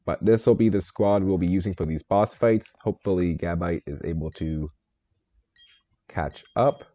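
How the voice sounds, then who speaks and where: Low, mellow-voiced male streamer, thinking aloud. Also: moderate pace, dry recording, highs cut off. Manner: thinks aloud, answers chat, joking and self-deprecating. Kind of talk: live gameplay stream commentary.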